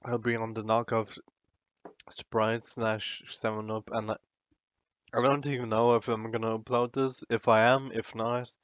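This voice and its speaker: A man's voice: medium pitch, level tone, a little slow, no echo, lo-fi sound. A drunk man in a casual, sweary, meandering and self-deprecating ramble to the camera, as a vlogger does.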